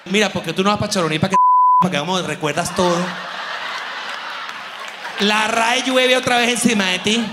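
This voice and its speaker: A man with a Venezuelan accent telling a slangy, mocking comic story in an animated monologue. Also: high-pitched, moderate pace, long pauses, a loud crowd, very noisy. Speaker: stand-up comedian. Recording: music playing behind.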